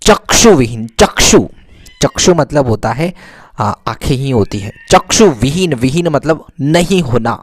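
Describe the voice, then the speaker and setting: A man's voice: medium pitch, animated. A man teaching a vocabulary lesson to children, repeating each word several times and asking questions that he answers himself. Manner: repeats words slowly, asks and answers himself.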